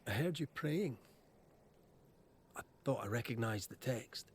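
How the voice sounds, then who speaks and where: An actor playing a stern, composed ghost hunter in a video game, speaking in a terse, measured, matter-of-fact way. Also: male voice, mid-range voice, animated, husky. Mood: calm, guarded. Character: stern, composed male ghost hunter, guarded but helpful. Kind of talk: dramatic video game voice acting. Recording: faint ambient noise behind.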